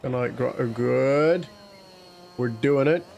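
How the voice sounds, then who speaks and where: A male gaming YouTuber, Afrikaans by first language, slowly rambles to himself and chuckles while playing a farming game in casual let's-play style. His medium-pitched voice has vocal fry and a darkish tone, and there's slight background noise.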